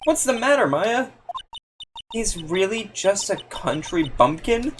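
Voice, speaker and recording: A man voicing a bubbly, excitable teenage girl sidekick. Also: sits high, slow, background noise, pitched above the performer's own voice, full character voice. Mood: excited. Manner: excitable, chirpy.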